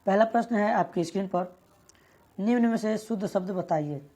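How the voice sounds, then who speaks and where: A woman teaching an exam prep lesson, reading out each question and its options and explaining the answer at a steady pace. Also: medium pitch, moderate pace, breathy edge.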